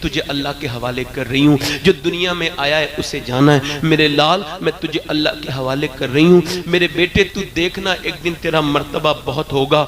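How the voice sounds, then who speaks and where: A man voicing a grieving widowed mother saying farewell to her young son, in soft, sorrowful, pleading tones, inside a sermon. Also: fairly high pitch, moderate pace, hardly any pauses, voice pushed down, close to an everyday voice. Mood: grieving, tender.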